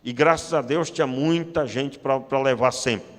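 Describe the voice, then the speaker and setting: A Brazilian man with a Brazilian Portuguese accent preaching a sermon as pastor, stressing key words by slowing down, with joking asides. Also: medium pitch. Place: church hall. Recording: long church-hall reverb.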